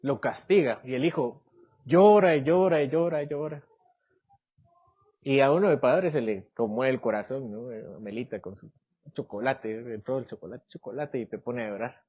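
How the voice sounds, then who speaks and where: A man teaches a church doctrine class, often asking his listeners questions and acting out short everyday scenes to make his point. His voice sits at a middle pitch. The recording sounds a little dull and lo-fi. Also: normal speed, a little mellow, slightly rough. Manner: asks the class questions, acts out examples in quoted voices. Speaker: Bible teacher.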